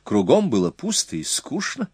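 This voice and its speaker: A man voicing a hot-tempered, boastful young Hun prince in an audiobook, talking excitedly with a rising pitch. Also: normal speed, husky, no room sound, clean studio sound, heavily acted. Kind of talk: audiobook character voice.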